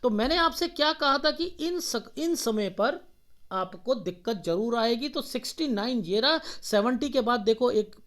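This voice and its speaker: A man's voice: very high-pitched, lively intonation, moderate pace, fairly bright tone. Explanatory man reading a palm. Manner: explanatory, steps through ages one by one and checks in with frequent "okay". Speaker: palmist.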